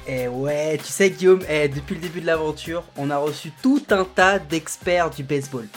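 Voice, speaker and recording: A man's voice: a little high, moderate pace, faint music behind. A man co-hosting a podcast with playful, teasing banter in casual chat. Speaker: podcast co-host.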